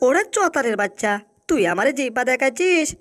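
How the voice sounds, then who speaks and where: Woman voicing fierce high-pitched monster fish. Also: lively intonation, brisk. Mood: menacing. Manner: scolding, taunting. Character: fierce, threatening monster fish, loyal to friends. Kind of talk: Bangla cartoon dub.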